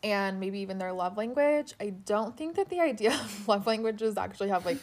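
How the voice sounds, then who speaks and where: A woman's voice: medium pitch, lively intonation. A woman co-hosting a casual chat, talking with many fillers and laughing easily, recorded on the floor under a blanket fort. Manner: chatty, quick to laugh, filler-heavy. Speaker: podcast co-host.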